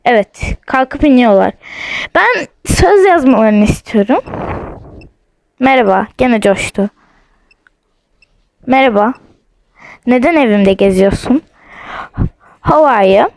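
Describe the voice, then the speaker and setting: A woman's voice: fairly high pitch, expressive, takes it slowly, creaky, pauses often, a little mellow, dry recording, poor audio. A young woman vlogging at home with her phone while she plays a ghost-hunting app, jumpy and nervous, saying again and again that she is scared. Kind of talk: casual vlog, playing a ghost-hunting app. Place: at home, in a house.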